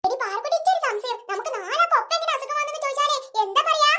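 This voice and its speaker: Woman as a cheeky schoolboy, scheming, very high bright voice. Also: expressive, very fast, heavily acted. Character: mischievous schoolboy, plotting to skip class.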